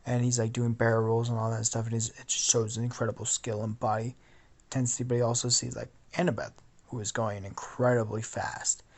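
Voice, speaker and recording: A man's voice: mid-range voice, flat delivery, brisk. A sleepy young man rambling as he narrates a fan-fiction story, full of fillers and restarts.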